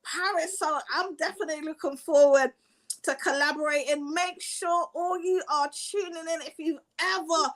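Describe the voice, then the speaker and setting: A woman's voice: high-pitched, steady tone, moderate pace, poor audio. A woman hosting an online panel chat, enthusiastic and gushing as she introduces guests. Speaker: host.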